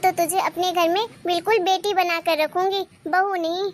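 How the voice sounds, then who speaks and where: A woman's voice: very high voice, steady tone, moderate pace. A woman voicing a middle-aged mother-in-law who talks in a homely, affectionate, talkative way in a cartoon story.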